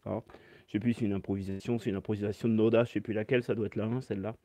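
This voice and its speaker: A man's voice: lowish voice, fairly even intonation, rapid-fire, very noisy. A man teaching saxophone in a live-stream Q&A, explaining step by step and answering chat comments aloud through his phone.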